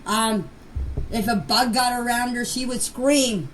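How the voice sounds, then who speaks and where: Speaking a little high, at a measured pace and with a fairly bright tone, an older woman informally shares memories in folksy, plain language and frequently repeats phrases. It's a low-quality amateur clip with noticeable background noise.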